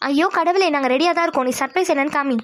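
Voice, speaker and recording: A woman voicing young women in a Tamil cartoon drama, brisk and impatient. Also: high voice, a bit bright, no room sound, clean studio sound. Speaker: voice actor for young female cartoon characters.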